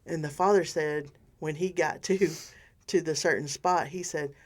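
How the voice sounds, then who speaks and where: Older woman co-host, low-ish voice, chatty and rambling faith talk. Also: normal speed. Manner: animated, rambling, restarts often. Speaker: podcast co-host. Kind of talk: casual faith discussion.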